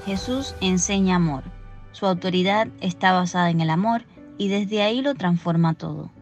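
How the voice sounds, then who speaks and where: A woman reading a scripted Gospel reflection in a calm, measured way, on a dull lo-fi recording. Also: on the low side, soft background music. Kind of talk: scripted devotional narration.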